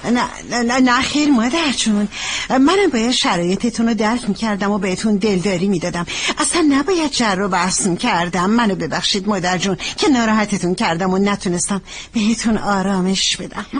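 A woman's voice: medium pitch, slight background noise, close to an everyday voice. A woman dubbing a hurt young wife. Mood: apologetic. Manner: polite, then sharply resentful. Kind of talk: Persian dub of a TV drama.

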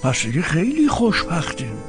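A man's voice: on the high side, wildly swooping pitch, over music. A man dubbing a patient husband who soothes his tearful wife. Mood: soothing. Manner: soothing, reassuring. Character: gentle comforting husband, patient and warm-hearted. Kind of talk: dubbed drama acting.

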